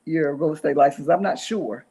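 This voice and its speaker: A woman hosting an interview, speaking haltingly with many fillers and restarts. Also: low-pitched, creaky, mellow, breathy edge. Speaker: interview host. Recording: dull lo-fi sound.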